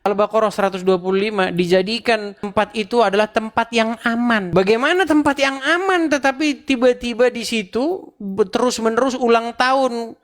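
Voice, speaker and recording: A sarcastic host talking into his own camera on a livestream, mocking his subject with bursts of laughter. He keeps firing rhetorical questions at the viewers in a mid-pitched voice. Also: normal speed. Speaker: online show host. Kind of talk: mocking debate commentary.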